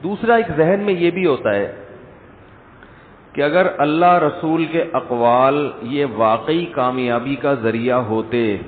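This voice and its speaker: A man's voice: a little high, a little hiss or hum. A man giving a Friday sermon lecture, conversational, full of rhetorical questions and light jokes, recorded in a large echoing hall through the speaker system. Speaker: religious scholar. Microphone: speaker system mic. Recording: echoey hall over tinny lo-fi line.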